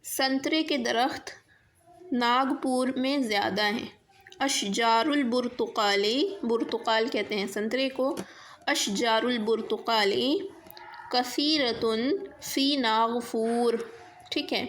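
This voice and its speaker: Female Arabic teacher, highish voice, measured over phrases, brisk in explanations. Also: a bit bright, slight background noise. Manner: slow and deliberate on Arabic phrases, quick on explanations. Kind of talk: classroom lesson explaining grammar exercises.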